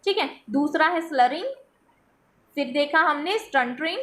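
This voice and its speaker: A woman's voice: sits high, lively intonation, normal speed, fairly bright tone. A woman teacher giving an exam-prep lecture, explaining step by step, repeating key points and checking in with "theek hai".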